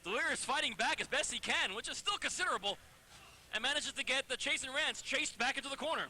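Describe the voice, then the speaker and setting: A man's voice: very high-pitched, fast talker, sharp tone, a little hiss or hum. A man giving wordy colour commentary on wrestling, full of wry asides.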